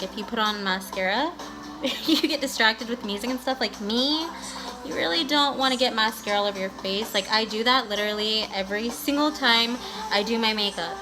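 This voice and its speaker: Music plays clearly behind a woman with a fairly high voice. She talks like a beauty vlogger walking viewers through a tutorial, casual and chatty. Her manner is bubbly and gushing, with playful sing-song touches. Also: a little fast, low-quality recording. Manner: bubbly and gushing, with valley-girl style "like" and "guys"; playful, breaks into sing-song bits and exclamations.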